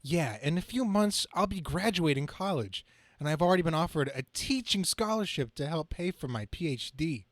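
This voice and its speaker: A young comic-book superhero as a man reads him out, with a fairly high male voice. He quips and describes his own action dramatically, like a student who jokes through danger. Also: lively intonation, moderate pace, dry recording, studio quality, lightly acted. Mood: musing. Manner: quippy, dramatic self-narration.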